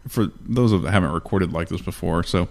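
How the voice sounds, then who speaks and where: A man's voice: low-pitched, fairly quick, creaky. A man co-hosting a podcast, chatting in an easygoing, profane way into a studio mic. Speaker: podcast co-host. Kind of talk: casual chat. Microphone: studio mic with headphones.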